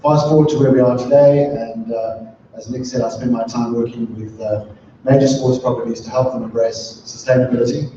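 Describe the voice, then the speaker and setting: Middle-aged man, panel guest, halting with ums; dull, echoey recording. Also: mid-range voice, fairly even intonation, mellow, a little hiss or hum. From southern Africa. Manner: thoughtful, many ums and restarts. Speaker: panel guest, sustainability consultant. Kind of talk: talk at a live event. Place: event room with an audience. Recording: echoey, distant, muffled room recording.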